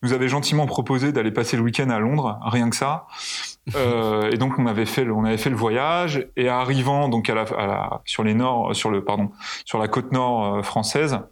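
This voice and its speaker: A man's voice: mid-range voice, steady tone, moderate pace. A male pilot telling flight anecdotes in a casual interview, hesitant with many fillers and restarts. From France. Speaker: pilot guest.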